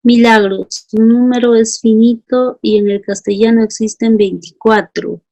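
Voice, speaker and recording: In a mellow, mid-range voice with a Peruvian Spanish accent, a woman teacher leads her class. She calls on students by name, reads out their answers, and asks them to justify them.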